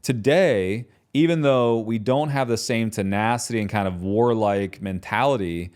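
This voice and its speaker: A man hosting his own podcast, talking in a passionate, conversational way and often tagging his points with quick questions. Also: fairly low pitch, darkish tone, clear, resonant tone. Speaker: podcast host and business founder. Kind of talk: solo podcast talk.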